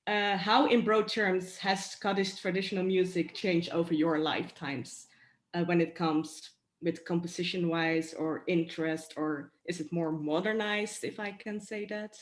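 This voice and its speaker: Lowish woman interviewer in a roomy space. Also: steady tone, measured pace. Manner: polite, hesitant, many fillers. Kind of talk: video call interview. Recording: roomy echo.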